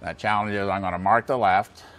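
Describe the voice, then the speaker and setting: The sixty-something American instructor talks through his engine balancing demo step by step, folksy and plain. His lowish voice holds a steady tone, brisk and a bit bright, with clear workshop noise from the large indoor machine shop.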